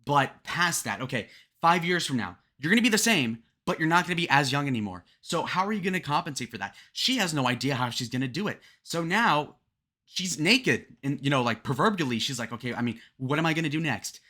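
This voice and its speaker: A man's voice: a little high, animated, fairly quick, bright, forceful tone. A young man in his twenties giving a blunt, rambling breakdown of a song, full of fillers. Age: 20s. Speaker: music commentator. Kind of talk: casual song breakdown commentary.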